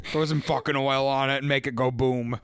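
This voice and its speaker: A man's voice: mid-range voice, fairly even intonation, brisk, slight background noise. A man co-hosting a casual movie commentary, joking, swearing freely and laughing often.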